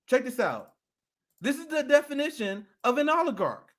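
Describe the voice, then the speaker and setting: A man's voice: very high voice, big pitch swings, moderate pace. A young adult man co-hosting a political commentary show, ranting in a heated, profane way. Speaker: co-host.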